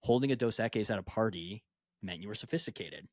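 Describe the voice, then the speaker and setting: A young adult man hosts a casual podcast, chatting loosely and leaning on "like" as filler. His voice is on the lower side. The recording is dry and close-miked. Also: fast talker, darkish tone, breathy edge, no room sound. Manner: casual, filler-heavy, says "like" constantly. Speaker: podcast host.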